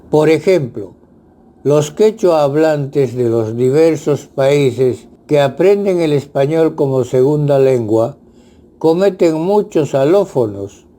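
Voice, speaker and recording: A man narrating a scripted Spanish grammar lesson, reading definitions and examples aloud in a slow, measured way. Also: on the high side, mellow. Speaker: grammar teacher.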